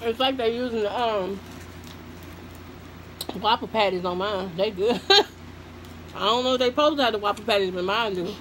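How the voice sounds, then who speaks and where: A woman's voice: medium pitch, moderate pace, long pauses, slight background noise, poor audio. Woman talking with her mouth full. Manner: relaxed, chatty food commentary with murmurs of approval. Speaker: mukbang host. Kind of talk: casual chat while eating.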